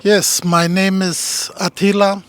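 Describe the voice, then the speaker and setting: Forty-year-old man, slightly high voice, deliberate and very slow. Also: flat delivery, fairly bright tone. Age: 40s. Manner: slow, careful phrasing. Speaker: interviewee.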